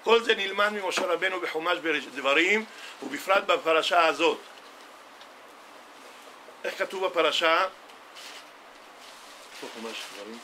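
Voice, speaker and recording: A man preaches to his congregation in a rabbi's sermon, his voice pitched fairly high and ringing very bright. He tells stories and plays out the voices in them. A faint hiss runs under the recording. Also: pauses often. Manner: storytelling, acts out dialogue in a quoted exchange. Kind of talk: Tisha B'Av sermon.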